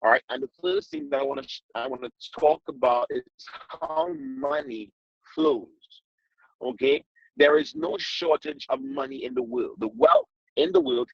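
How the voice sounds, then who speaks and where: A man from Trinidad and Tobago, giving an earnest sales pitch on a conference call, often repeating his words. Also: wildly swooping pitch, measured pace, creaky, slightly rough, dry recording. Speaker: business presenter. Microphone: phone. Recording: muffled dry phone-call audio.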